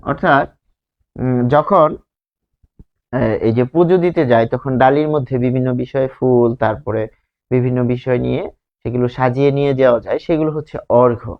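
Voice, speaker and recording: A man with a Bangladeshi Bengali accent teaches a grammar lesson at a whiteboard, explaining slowly, repeating words and posing rhetorical questions. His voice is medium-pitched, and the sound is lo-fi.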